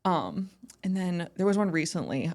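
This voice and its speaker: A woman's voice: on the low side, sing-song, moderate pace, a little mellow. A young woman speaking as a podcast guest, chatty and upbeat, with many "like" and "um" fillers. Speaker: guest, ballpark entertainment manager. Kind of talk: casual interview chat.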